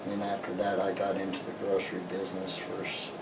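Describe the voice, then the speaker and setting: An older American man, a veteran, remembering his past in an interview in a halting, plain-spoken way. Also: low voice, monotone. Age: older, 60s or above. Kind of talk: personal reminiscence in an interview. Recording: roomy, distant mic, noisy background.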